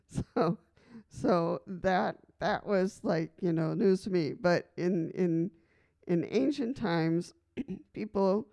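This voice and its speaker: A middle-aged Costa Rican woman chats to camera in a personal vlog, rambling along with lots of fillers and frequent laughter. Her voice is lowish and mellow.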